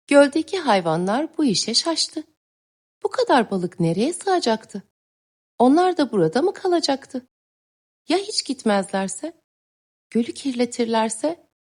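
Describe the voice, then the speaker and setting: A woman teacher reading a story aloud to young pupils in a clear, expressive way. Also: on the high side. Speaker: teacher reading a listening text. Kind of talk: children's story narration.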